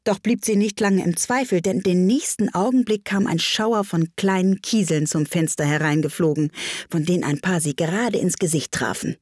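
A woman narrating a storybook with an expressive, lively reading. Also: on the low side, moderate pace, slightly rough, no room sound, clean studio sound.

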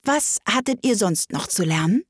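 A woman's voice: medium pitch, animated, moderate pace, husky, no echo, clean studio sound, voice pushed up. A woman voicing a curious young girl in a storybook reading, speaking in an earnest, questioning way. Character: curious polite young girl, easily ruffled.

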